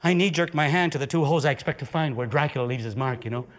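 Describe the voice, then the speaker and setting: A man performing an intense, profane theatrical monologue with dramatic swings of pitch and volume. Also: very fast. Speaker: solo stage performer.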